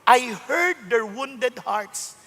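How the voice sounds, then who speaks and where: A man in his sixties with a Filipino accent preaching a sermon, mixing Tagalog and English in an emphatic, conversational way with sudden loud outbursts. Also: extremely high pitch, lively intonation, drawn-out words. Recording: long hall reverb.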